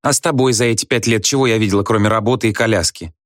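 A man reading a story aloud, voicing a bitter, scornful young wife who scolds her husband in quick reproachful outbursts. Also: lowish voice, dry recording, studio quality, voice pushed up, lightly acted. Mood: shrill.

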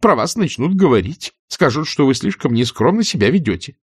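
Male actor playing a fussy tearful elderly aunt, high and shrill, very lively pitch. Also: a little fast, slightly rough, dry recording, studio quality. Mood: scandalized. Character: fussy fluttery older aunt, easily tearful.

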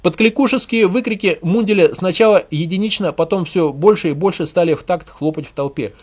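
A narrator reading an audiobook with expressive storytelling. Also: medium pitch, fairly quick, slightly rough.

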